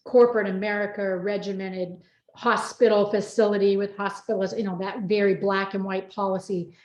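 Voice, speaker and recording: A middle-aged woman, co-author of the piece, hosts an unrehearsed personal chat, talking in a chatty, informal, rambling way. Her voice sits at medium pitch with a level tone and moderate pace. The recording is roomy, with a dull lo-fi sound.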